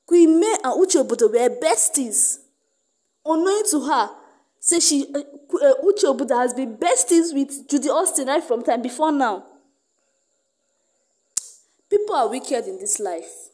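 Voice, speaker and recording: Nigerian woman, gossip commentator; high-pitched, warm tone, emphatic Pidgin-laced delivery. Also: expressive, normal speed, pauses often.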